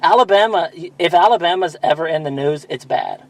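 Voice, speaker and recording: A man's voice: fairly high pitch, animated, a little fast, gravelly. A man hosting a podcast in casual chat, rambling and profane, with self-deprecating asides. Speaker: podcast host.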